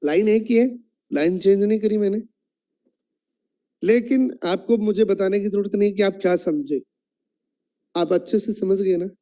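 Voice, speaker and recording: A man's voice: sits high, moderate pace, long pauses, mellow. A man running an online training meeting, explaining his point in an instructive way and asking the audience questions.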